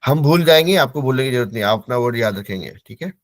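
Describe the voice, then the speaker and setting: Heard with no room sound, a male teacher's mid-range voice carries lively intonation. In an online class, he patiently drills English words, slowly repeating them for pronunciation practice.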